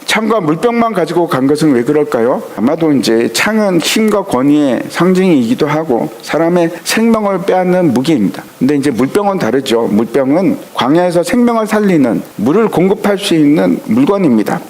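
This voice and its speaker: A man's voice: a little high, very animated, a little fast, hardly any pauses, darkish tone. A male pastor preaching a sermon, who asks rhetorical questions, answers them himself, and acts out quoted scripture lines.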